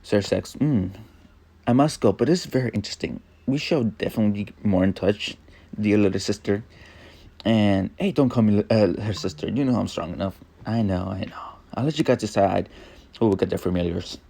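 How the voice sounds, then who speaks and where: A young man reading his own fan fiction aloud, rambling and halting with many fillers and restarts. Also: fairly low pitch, gravelly, dark tone. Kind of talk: improvised fan fiction narration.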